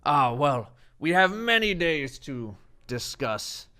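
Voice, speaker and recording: A man voicing a hesitant, apologetic giant in a tabletop game, halting and stammering as he repeats himself. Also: fairly high pitch, very animated, pushed and bright, full character voice. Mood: polite, halting. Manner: halting, stammering, repeats words, drawn-out polite phrasing. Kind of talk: tabletop role-play acting.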